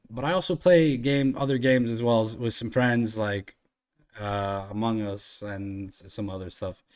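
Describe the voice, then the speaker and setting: A man's voice: mid-range voice, smooth. A man hosts a loose podcast in his own easygoing voice, wandering from thought to thought. He pads his talk with ums and uhs and drops casual swearing as he goes. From Iceland. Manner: rambling, swearing, filler-heavy. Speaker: podcast host and streamer.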